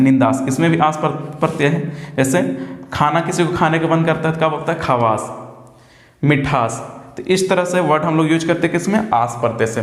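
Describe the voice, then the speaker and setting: Young male tutor, a little higher-pitched, quizzes himself, reverberant room. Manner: asks questions and answers them himself, drawn-out example words. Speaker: exam-prep teacher. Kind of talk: casual explanatory lesson. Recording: echoey room with long reverb.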